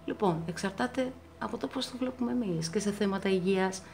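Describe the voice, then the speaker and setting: A woman giving a pick-a-card tarot reading to her viewers, reassuring them and repeating words for emphasis, her pitch swinging up often. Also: creaky, a little mellow, soft background music.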